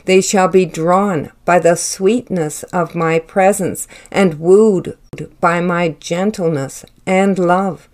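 A woman speaks a prophetic word with a low-pitched voice. Her delivery is slow, measured and solemn, as if every phrase carries weight. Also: darkish tone.

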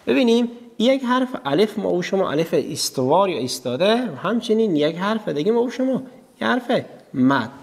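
A man's voice: fairly high pitch, big-room sound. A man with an Afghan Dari accent teaching a televised literacy lesson, asking his students questions and answering them himself, and drawing out vowel sounds in repeated drills. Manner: addresses students directly, asks and answers his own questions.

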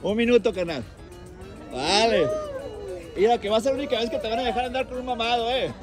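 A man's voice: extremely high pitch, brisk. A young man with a Mexican accent hosts a street challenge, teasing and cheering people on in slangy casual talk, filmed on a handheld phone in a crowded plaza. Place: crowded outdoor plaza by a car. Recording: loud crowd and music outdoors.

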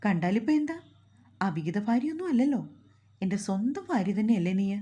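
A woman storyteller voicing a stern, short-tempered young husband who scolds and gives orders in a gruff way. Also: mid-range voice, very animated, a little fast, mellow, natural voice.

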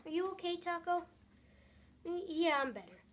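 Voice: very high-pitched, lively intonation, normal speed, heavy background noise. A young voice chattily voicing toy dogs in an amateur toy role-play. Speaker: home video creator voicing toy dogs.

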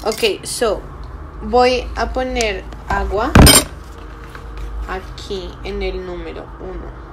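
A young adult woman drags out her words in a medium-pitched voice while vlogging. She chats casually and a little unsure of herself to the camera as she cooks at a table in a small room, and the recording is very noisy.

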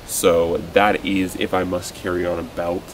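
A young man sitting on a truck tailgate in a forest clearing, casually talking through his gear with fillers and restarts, recorded outdoors by a distant camera. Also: sits low, a little slow. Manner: relaxed, conversational, with frequent fillers and restarts. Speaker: outdoors video host. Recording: distant mic with loud outdoor noise.

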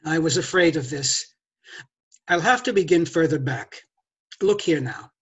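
Haughty, persuasive thief played by an older man, stage play: husky, very animated, condescending lecturer. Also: a little high, unhurried. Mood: smooth condescension. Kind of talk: stage play read over video call. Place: indoors, curtained room. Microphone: video call.

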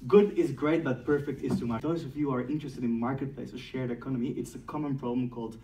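On stage in a large, dark event room, a thirty-something Belgian with a Belgian French accent delivers a fast, medium-pitched startup talk full of playful energy. He performs dialogues and laughs at his own jokes, while the distant camera and mic, set far from him, give a roomy sound.

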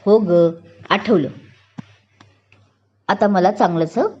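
A woman's voice: medium pitch, slow, a little mellow, breathy edge. A woman voicing a young male police inspector who is polite, eager and chatty. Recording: dull lo-fi recording.

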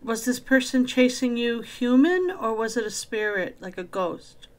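A woman's voice: on the high side, expressive, a little slow. A middle-aged woman hosting a spirit box session in a casual, direct, questioning way. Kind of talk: casual vlog intro and slow questioning of a spirit.

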